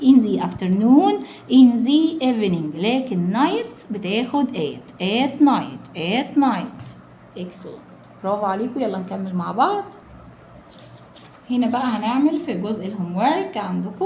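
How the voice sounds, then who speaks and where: A woman English teacher with an Egyptian Arabic accent, giving a children's lesson, drilling words slowly in a singsong and explaining quickly in between. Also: on the high side, darkish tone, slight background noise.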